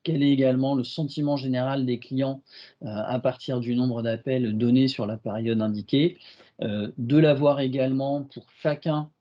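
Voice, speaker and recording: A man with a French accent walks through a software demo on a video call, stopping often on fillers and restarting his sentences. His voice sits at an ordinary pitch. The audio is dull and lo-fi, like a computer mic. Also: fairly even intonation, normal speed. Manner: hesitant, many fillers and restarts. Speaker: IT consultant presenting a demo. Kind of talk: webinar product demo.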